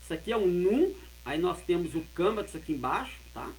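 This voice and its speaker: A man teaching a lesson, explaining and repeating words slowly and carefully. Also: high-pitched, very animated, poor audio. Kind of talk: explaining Hebrew words of a Bible verse.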